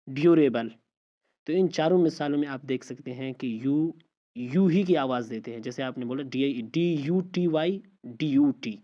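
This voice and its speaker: A man's voice: medium pitch, a little mellow. Male teacher, patient, drills example words, muffled lo-fi recording. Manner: slow, repeats example words one by one. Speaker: English teacher. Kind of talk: spoken language lesson. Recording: slightly dull lo-fi audio.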